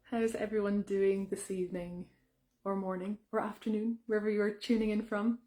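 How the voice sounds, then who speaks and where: A young woman, a singer, chatting brightly with fans during a live Q&A, with many ums and restarts. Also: medium pitch, steady tone, moderate pace. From Ireland. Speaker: singer hosting a fan Q&A. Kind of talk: casual live-stream chat. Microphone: phone or webcam on a live stream.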